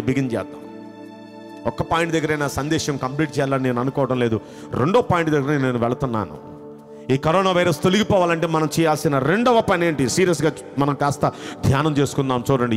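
A man preaching a sermon as pastor, impassioned and emphatic, swinging between loud outbursts and hushed lines and repeating phrases. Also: a little high, fast, soft background music. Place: live online church service.

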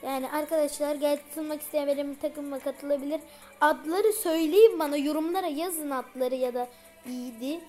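High-voiced woman chatting over gameplay. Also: steady tone, moderate pace, dark tone, faint music behind. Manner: chatty, slangy, talks straight to viewers. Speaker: gaming video creator. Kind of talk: casual gameplay commentary.

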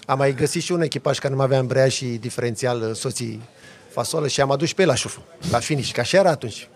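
A man, a podcast guest, telling a lively story in a casual chat with vivid sound effects. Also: mid-range voice. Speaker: podcast guest, off-road driver.

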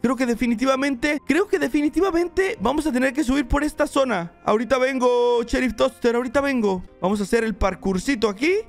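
A young man giving excited let's play commentary, chatting to his viewers as he plays. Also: extremely high pitch, brisk, vocal fry, few pauses, faint music behind. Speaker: gaming channel host.

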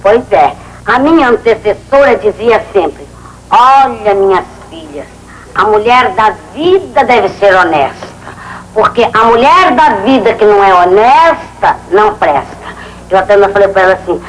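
Casting: woman playing brash, folksy Brazilian brothel madam, vintage film comedy, lively pitch, noisy old soundtrack. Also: measured pace, natural voice. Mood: folksy, preachy. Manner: colloquial, boastful, folksy.

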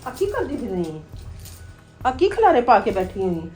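A woman's voice: a little high, huge pitch swings, fairly quick, darkish tone. An actress playing an older aunt who coaxes and scolds her niece. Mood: coaxing. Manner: coaxing, scolding. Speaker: actor. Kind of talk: family drama acting. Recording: echoey room with music underneath.

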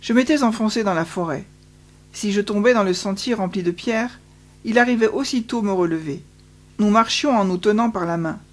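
Une femme qui lit une autobiographie à la première personne, d'une lecture calme, posée et pieuse. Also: female voice, medium pitch, normal speed. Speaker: audiobook reader. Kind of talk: first-person autobiography reading.

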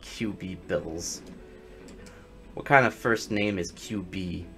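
A man doing comedic gameplay commentary, deadpan one-liners that break into excited yelling. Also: low-pitched, slow, soft background music.

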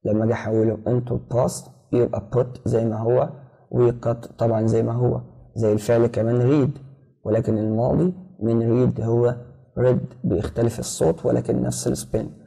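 A middle-aged Egyptian man teaching English in a recorded lesson. He repeats each word several times and keeps asking rhetorical questions. His voice is gravelly, husky and mellow. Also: mid-range voice, fairly even intonation, normal speed, low-quality recording. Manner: repetitive drilling, rhetorical questions.

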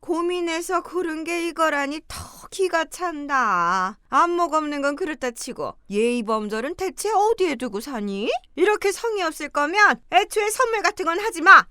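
Middle-aged mother-in-law, played by a woman, shrill and bright-voiced, belittling and sharp-tongued, for a story drama. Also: big pitch swings, dry recording, studio quality, full character voice. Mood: contemptuous. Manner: sneering, belittling, quick to shout. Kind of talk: audio drama acting.

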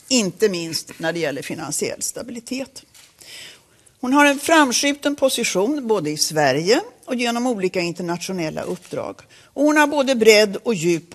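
A woman chairing a board, reading a prepared statement at a press conference in a formal, measured way with occasional self-corrections. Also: mid-range voice.

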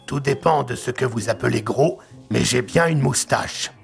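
A man's voice: mid-range voice, normal speed, gravelly, faint music behind, natural voice. A man voicing a weary, mustached police commissioner in an audio story, speaking in a dry, matter-of-fact way.

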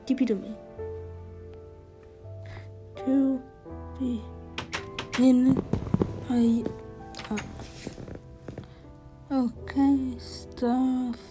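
A woman with a fairly high voice gives playful commentary as she plays a video game. She talks at an unhurried pace and keeps an excitable, joking tone. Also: music in the background, low-quality recording. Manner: excitable and playful, with sudden gasps and shouts. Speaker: gaming YouTuber. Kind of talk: casual gameplay commentary.

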